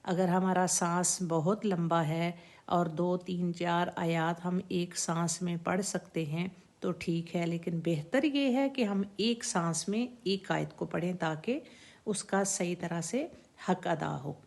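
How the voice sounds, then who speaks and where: A woman leads a recitation lesson, speaking at an unhurried, deliberate pace. Her voice sits a little low. She patiently repeats each word and sound so learners can practise along. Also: darkish tone. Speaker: Quran recitation teacher. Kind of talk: slow instructional lesson with recited examples.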